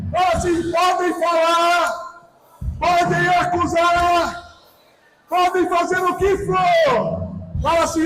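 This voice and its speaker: A Brazilian man preaching a sermon in a church, fervently shouting and leading the congregation in repeated declarations. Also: extremely high pitch, a little hiss or hum, poor audio. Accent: Brazilian Portuguese. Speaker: pastor. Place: large church sanctuary.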